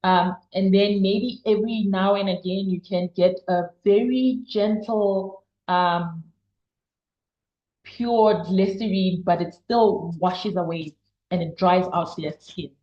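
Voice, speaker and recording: A woman's voice: mid-range voice, fairly even intonation, slow pace, echoey room, highs cut off. A woman giving health advice in a casual question-and-answer chat, explaining at length and repeating words for emphasis. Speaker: health guest expert.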